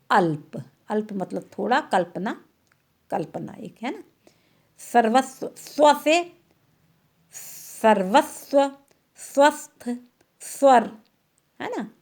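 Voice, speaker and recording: Woman teacher, online lesson, slow repetitions, frequent check-ins with pupils. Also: fairly high pitch, a little mellow. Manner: patient, repeats words slowly and checks with "thik hai na".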